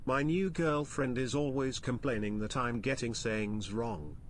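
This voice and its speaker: A robotic, metallic text-to-speech male voice reading out viewer jokes in a flat, even machine delivery. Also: medium pitch, unhurried, a little hiss or hum. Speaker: donation message reader.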